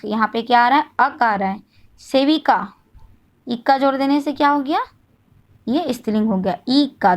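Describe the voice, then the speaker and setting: Female teacher, slightly high voice, patient step-by-step grammar explanation, rhetorical questions, frequent check-ins. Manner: explains step by step, asks and answers her own questions; often says "thik hai" to check understanding. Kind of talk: Hindi grammar lesson.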